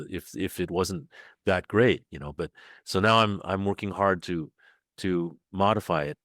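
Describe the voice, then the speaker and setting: An older man from Taiwan talks in a very low, deep voice, feeling his way through his thoughts with frequent repeats and restarts. The sound is dry and close, with no room around it. He keeps a relaxed, conversational pace. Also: dry recording. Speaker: guest playwright and director.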